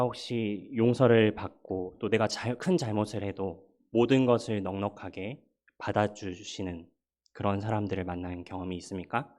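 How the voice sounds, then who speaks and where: A man's voice: lowish voice, darkish tone. A middle-aged male pastor giving a sermon in a conversational, humorous and persuasive way.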